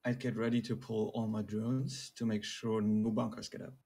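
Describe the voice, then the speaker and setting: A man's voice: lowish voice, level tone, normal speed, gravelly, warm tone. A man from Germany explaining strategy as a guest player, often checking in with "right?". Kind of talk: casual game analysis.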